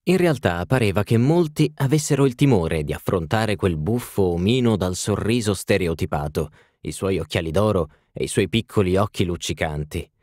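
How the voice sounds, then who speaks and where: An expressive male audiobook narrator reading classic fiction. His voice sits low but moves widely in pitch. The recording is dry and close. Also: normal speed, hardly any pauses, no echo. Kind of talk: scripted narration.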